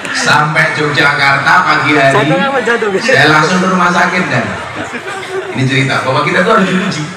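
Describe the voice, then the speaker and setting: Preacher in an echoey hall. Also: male voice, a little high, fairly even intonation, normal speed, over a noisy crowd. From Indonesia. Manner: emotional, rising to impassioned pleas. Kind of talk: sermon storytelling. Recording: echoey, distant mic with noise.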